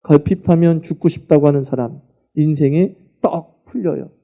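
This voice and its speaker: A middle-aged man preaching a sermon as pastor, talking with the congregation through questions he answers himself, moving between loud emphatic lines and near-murmured asides. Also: on the high side, moderate pace, creaky.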